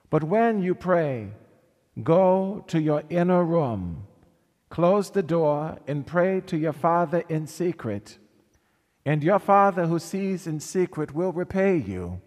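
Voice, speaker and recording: A male priest leading Mass with measured, solemn reading and sung acclamations, his voice ringing with a cathedral echo in a large church. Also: a little high, a little mellow. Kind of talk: liturgical reading and chanting at Mass. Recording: long church reverb.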